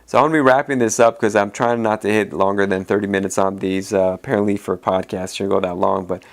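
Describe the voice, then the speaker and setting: Fast and fairly low, with a steady tone, the voice belongs to an immigration attorney hosting his own podcast. He wanders casually through his points with lots of fillers and restarts, and his voice sounds fatigued from a long day of talking.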